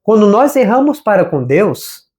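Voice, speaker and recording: A man's voice: sits high, very animated, measured pace, a little mellow. Guy, therapist with his own channel, chatting casual about faith, lots of slang. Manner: informal and conversational, slangy, says "cara" often. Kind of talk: casual spiritual talk to camera.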